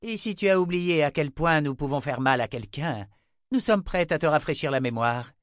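Cruel sorceress, put on by a male reader: loud, raised voice, icy commands, dry close sound. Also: a little high, animated, normal speed, no room sound, voice pushed up, close to an everyday voice. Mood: menacing. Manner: commanding, threatening. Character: cruel domineering sorceress woman, cold and menacing. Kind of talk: audiobook character voice.

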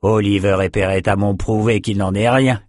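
A man's voice: on the low side, fairly even intonation, moderate pace, a little mellow, dry recording, studio quality, natural voice. A man reading a story plays a cheerful, bantering lone fisherman. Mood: jovial. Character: cheerful lone male fisherman, bare-chested.

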